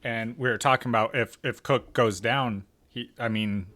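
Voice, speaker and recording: A man co-hosting a casual fantasy football podcast over a video call from work on his lunch break, relaxed and quick to laugh. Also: medium pitch. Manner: relaxed, laughs often, jokey. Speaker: podcast co-host.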